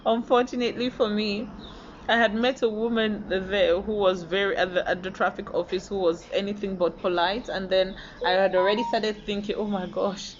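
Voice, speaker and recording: A woman from Nigeria gives a motivational talk, telling stories in a lively, animated way. The recording sounds a little dull, with a faint hiss underneath. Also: mid-range voice, normal speed. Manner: animated, storytelling, acts out quoted voices. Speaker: motivational speaker.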